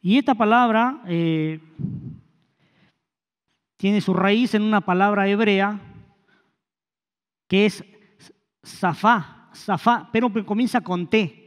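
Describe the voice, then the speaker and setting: Man preaching, high voice, conversational sermon, long church-hall reverb. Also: takes it slowly, pauses often. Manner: conversational, with hesitant restarts and rhetorical questions.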